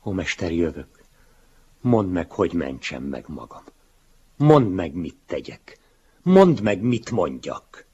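A man's voice: low voice, pauses often, breathy edge, voice pushed up. A man voicing a wretched, desperate beggar who cries out breathlessly and pleads, in a dull lo-fi recording. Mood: pleading.

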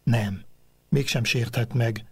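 A man reading a literary memoir aloud in a measured storytelling manner, lightly voicing the dialogue. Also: mid-range voice, creaky, husky.

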